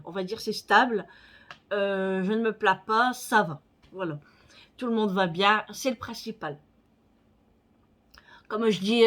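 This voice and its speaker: A woman in her forties, chatting casually on her vlog, rambling with many fillers and a slightly stuffy nose. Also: mid-range voice. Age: 40s. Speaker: vlogger. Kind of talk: casual chat.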